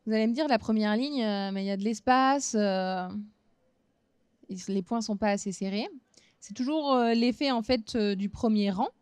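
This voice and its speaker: A woman in her thirties giving a relaxed craft demonstration at a fair booth, talking casually with frequent hesitations. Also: fairly high pitch, normal speed, clear, resonant tone, no room sound. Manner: relaxed, chatty, many hesitant fillers. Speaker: craft instructor. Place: small trade-fair stage booth.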